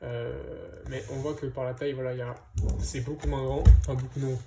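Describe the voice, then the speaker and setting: A comic book collector vlogger casually shows viewers his comic book purchases in an unboxing chat, hesitant and full of fillers and restarts. His medium-pitched voice is level in tone and brisk, with background noise.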